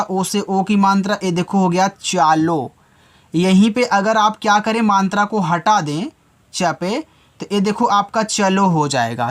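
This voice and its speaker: Patient man spelling out letters slowly. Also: high-pitched. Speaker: English reading teacher. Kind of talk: spelling lesson for beginners.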